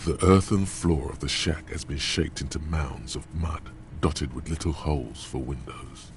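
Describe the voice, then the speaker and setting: An all-knowing video game narrator with an extremely low, gravelly voice. He speaks slowly and solemnly, describing everything in grave detail, with a faint hiss underneath.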